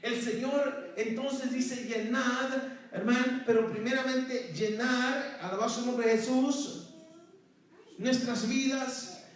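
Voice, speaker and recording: A man's voice: extremely high pitch, fairly even intonation, slow. A male pastor preaching a sermon to his congregation, often calling them "hermano" and breaking into praise. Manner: calls out to the congregation, repeats "hermano" and praise phrases. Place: church sanctuary. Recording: very echoey church hall from far off.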